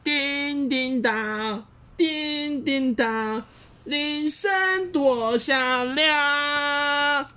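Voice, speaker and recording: A man voicing a small boy who refuses to sleep and sings in a high, drawn-out voice. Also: lively intonation, darkish tone, exaggerated voice. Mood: singing loudly. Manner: high, drawn-out sing-song.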